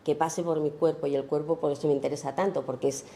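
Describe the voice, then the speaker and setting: Low soft-voiced woman talking about her photo work, thinks out loud, lots of ums and "no?", mellow dark tone. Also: steady tone, fast, vocal fry, slight background noise. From Spain. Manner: thoughtful, searching, many fillers and tag questions. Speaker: photographer giving a festival talk. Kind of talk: informal lecture on her own work.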